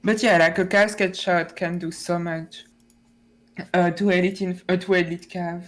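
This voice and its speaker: A woman's voice: fairly low pitch, little pitch movement, moderate pace. Woman esports caster, casual chatty commentary, frequent fillers. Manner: chatty, many fillers and restarts. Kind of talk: tournament commentary.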